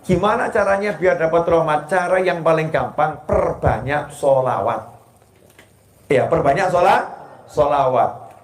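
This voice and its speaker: High-voiced Javanese preacher in echoey hall. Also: male voice, a little slow. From Solo, Central Java. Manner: lively, joking with the audience. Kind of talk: religious sermon to a live gathering.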